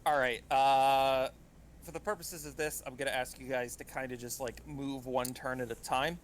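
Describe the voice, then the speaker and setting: Halting man running a tabletop game. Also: mid-range voice, steady tone, slight background noise. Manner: halting, many fillers and restarts. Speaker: game master.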